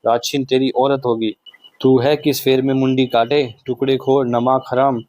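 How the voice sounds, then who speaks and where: A man's voice: mid-range voice, little pitch movement, normal speed, darkish tone, no room sound, natural voice. A man voicing a fiery, quarrelsome village woman who scolds and taunts, in a storybook reading. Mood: angry.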